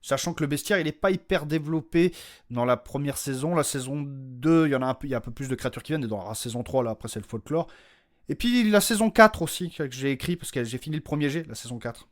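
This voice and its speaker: A slightly high-voiced man speaks quickly as the creator and host of his own podcast. He gives a loose, unplanned announcement, rambling in slang and making fun of himself.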